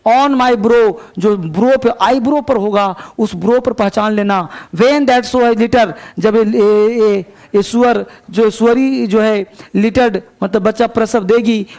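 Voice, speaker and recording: A male English teacher, reading a story aloud and explaining it line by line. He reads the English lines slowly and deliberately and speeds up in his asides. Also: very high-pitched, vocal fry. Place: coaching class.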